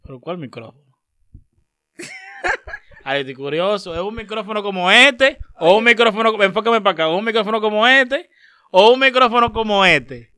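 A man's voice: high-pitched, very animated, normal speed, pauses often, pushed and bright. A man interviewing a guest, teasing and playful, pushing with questions. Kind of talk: casual interview chat.

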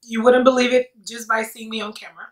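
A woman's voice: a little high, level tone, quick pace. A woman in her late thirties chatting casually to camera over a meal, sassy, playful and rambling, as a mukbang vlogger. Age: late 30s. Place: indoors, seated at a table. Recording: roomy echo, distant mic.

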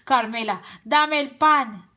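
A woman voicing a greedy, threatening male wolf in a children's story, drawing out his words slowly and loudly. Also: medium pitch. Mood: disgusted, angry. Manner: slow, drawn-out and loud.

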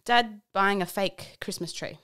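A woman's voice: mid-range voice, a little slow, a bit bright, clean tone. A woman co-hosting a podcast, trading jokes in casual chat and often breaking into giggles. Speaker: podcast co-host. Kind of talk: casual joke-telling chat. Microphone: studio microphone.

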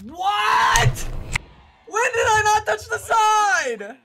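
A man's voice: very high-pitched, big pitch swings, extremely slow, creaky, shouting. A young man in casual, profane gaming chat, explosive, going from muttered complaints to screamed rage. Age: young adult. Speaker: gamer. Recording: noisy game voice chat with clicks.

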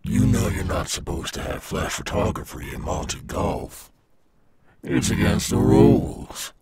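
A deep, slow-talking robot alligator rockstar, acted by a man for an ASMR audio roleplay. He swaggers with a gravelly edge as he coaxes a young listener, his pitch swinging freely. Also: lively intonation, noisy background, exaggerated voice. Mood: friendly but firm. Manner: slow, coaxing, addressing a child listener. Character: cool, swaggering male animatronic alligator rockstar guarding his golf course.

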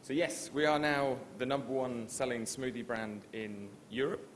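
A man giving a conference presentation in a relaxed, informal, self-deprecating way, with frequent ums. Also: mid-range voice, normal speed, slight background noise. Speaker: conference speaker. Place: conference stage before an audience.

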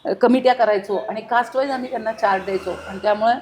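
A woman's voice: a little high, fast talker, darkish tone, slight background noise. A middle-aged woman, a former mayor, giving earnest, emphatic interview answers full of long lists of detail.

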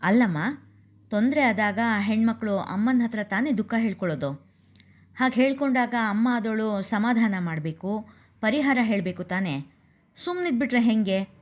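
A woman's voice: on the high side, animated, normal speed, close to an everyday voice. A woman voicing an anxious middle-aged mother who frets and complains like a young girl. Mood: pleading. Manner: worried, complaining.

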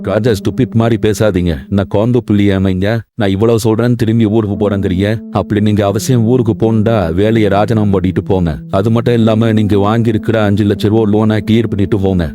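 A man's voice: fairly low pitch, steady tone, fast talker, few pauses, over music, voice pushed down, natural voice. A man voicing a stern middle-aged male company boss in a cartoon, speaking curtly and scolding. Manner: curt and scolding. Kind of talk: Tamil cartoon voice acting.

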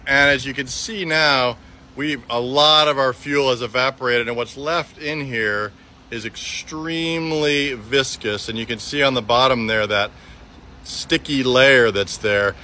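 Man in his forties, bright forceful voice, phone held at arm's length outside, faint hum behind. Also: medium pitch. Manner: chatty, hands-on, restarts often. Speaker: sawmill company video host. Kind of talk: casual selfie video demonstration. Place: outdoors beside a metal building in hot sun. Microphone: phone camera at arm's length.

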